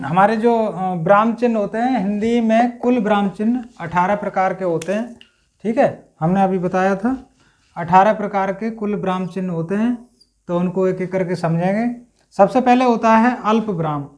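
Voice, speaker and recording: A man teaching a grammar lesson step by step, often checking in with his listeners and clearing his throat now and then. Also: sits high, darkish tone. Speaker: Hindi teacher.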